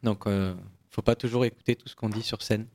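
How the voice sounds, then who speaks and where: A man, a band musician, talking about his group in a relaxed, chatty radio studio interview. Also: lowish voice, fairly quick. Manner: relaxed, chatty, loose with filler words.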